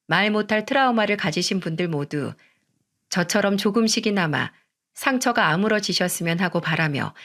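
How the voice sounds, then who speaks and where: A woman in her thirties calmly narrating a listener's story in the first person, in a measured way. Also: medium pitch.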